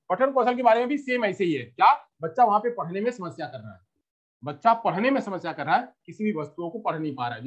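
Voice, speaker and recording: A man's voice: sits high, lo-fi sound. A man teaching a teacher-training lesson, explaining step by step with examples and often repeating himself.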